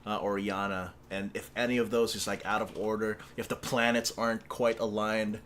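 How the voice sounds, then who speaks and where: A man's voice: on the low side, little pitch movement, moderate pace, a bit bright. Guy calling a video game match, laughs a lot, um's and uh's, slight background hum. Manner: laughs easily, hesitant fillers. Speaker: esports caster. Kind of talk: play-by-play commentary.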